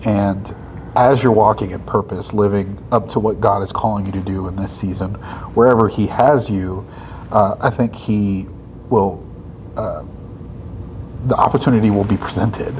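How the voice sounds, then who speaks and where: A man's voice: fairly low pitch, fairly even intonation, normal speed, a little mellow, a little hiss or hum, rough recording. A man in his thirties co-hosting a casual faith podcast, thinking aloud and checking in with his listener as he goes. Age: 30s. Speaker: podcast co-host.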